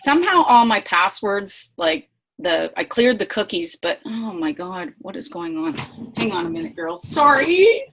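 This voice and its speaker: A woman's voice: mid-range voice, expressive, moderate pace, vocal fry, fairly bright tone. A woman leading a casual online sales training on a computer mic. She is flustered and apologetic, swearing under her breath, then chatty and encouraging. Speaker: team leader presenting a sales training. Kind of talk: casual live online presentation.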